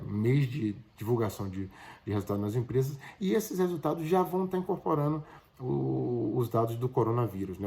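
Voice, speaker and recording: A man's voice: medium pitch, warm tone. A man from Bahia, giving market commentary to his viewers in loose spoken phrases with frequent tag questions. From Bahia, Brazil. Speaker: finance video host.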